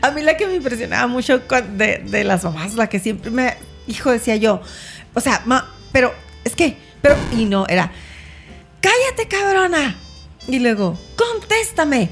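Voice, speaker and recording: A woman's voice: on the high side, animated, normal speed, gravelly, faint music behind. A woman with a Mexican accent, co-hosting a podcast in comedic casual chat, laughing often and quoting scolding mothers. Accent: Mexican Spanish. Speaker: podcast co-host.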